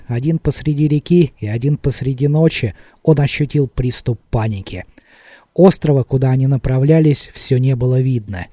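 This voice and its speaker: A man narrates a novel in a measured, expressive reading, his voice mellow yet set a little high for a man. The recording is dry and close, with no room sound behind him. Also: no room sound. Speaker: audiobook narrator. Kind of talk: scripted narration.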